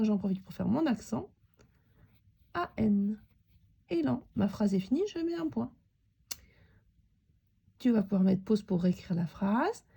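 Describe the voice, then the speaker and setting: A woman teacher narrating a handwriting lesson for young children, talking it through slowly and spelling out each letter and sound. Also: fairly high pitch, vocal fry, warm tone, husky.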